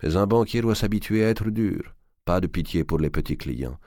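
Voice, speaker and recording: An old, shrewd banker, as a man reads him, speaking slow and low, calm and weighing each word. The voice is deep and close, with a dry sound. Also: no room sound. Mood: measured. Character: old cunning male banker, tender with his nephew.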